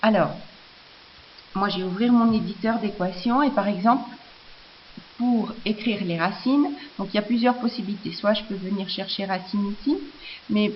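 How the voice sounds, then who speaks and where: Hesitant woman in a lo-fi screencast. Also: mid-range voice. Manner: hesitant, many fillers and restarts. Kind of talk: screencast software tutorial. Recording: slightly dull lo-fi audio with faint hiss.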